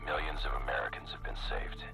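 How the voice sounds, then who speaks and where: An actor playing a male commanding officer in a video game, speaking in a hushed, measured way. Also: a bass voice, gravelly, poor audio. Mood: calm. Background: music.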